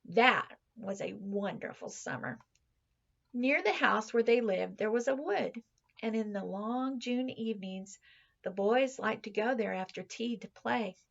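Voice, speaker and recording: A woman reads a children's story aloud the way a teacher would, expressive, with dramatic pauses and stretched-out words. Her voice is on the high side and creaky, and the audio sounds dull.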